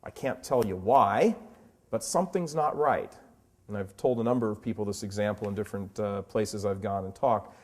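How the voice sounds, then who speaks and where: A man in his fifties giving impassioned commentary, firing rhetorical questions and slowing down to stress his words. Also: on the low side. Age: 50s.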